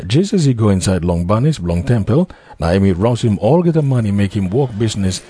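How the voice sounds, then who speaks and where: A man's voice: on the low side, very animated, brisk, dark tone, breathy edge. A man with a Papua New Guinean accent narrating a dramatised Bible story from a script. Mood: measured narration. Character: calm male narrator of a gospel story.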